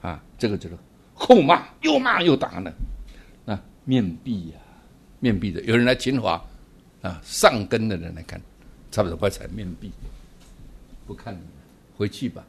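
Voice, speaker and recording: A man giving a Buddhist dharma talk, animated and asking his listeners rhetorical questions. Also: on the low side, normal speed, gravelly, pauses often, breathy edge. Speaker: Buddhist teacher.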